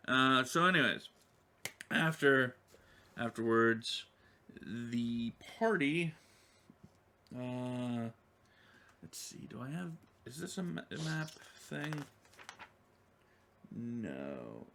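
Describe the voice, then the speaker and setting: A man's voice: medium pitch, big pitch swings, very slow, creaky, pauses often, pushed and bright, a little hiss or hum. A man narrating a solo tabletop game as game master, rambling with many ums and self-corrections.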